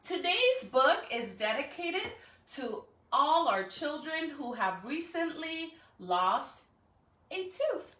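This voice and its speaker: In an echoey room, a high-voiced woman speaks slowly, very animated and sharp in tone, recorded from a distance. She's elementary school staff hosting a live-streamed read-aloud, encouraging the children with frequent rhetorical questions and "right?" before reading them a storybook.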